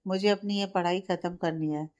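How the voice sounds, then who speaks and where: A woman voicing a stubborn, tired young woman who is studying for exams, with a sharp, stubborn way of talking. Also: fairly low pitch, fairly even intonation, a little fast, close to an everyday voice. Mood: irritated.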